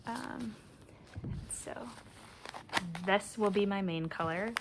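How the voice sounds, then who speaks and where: A woman's voice: medium pitch, takes it slowly, background noise. Chatty woman hosting a knitting podcast. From Minnesota. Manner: chatty and rambling, with soft laughs. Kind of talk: casual chat.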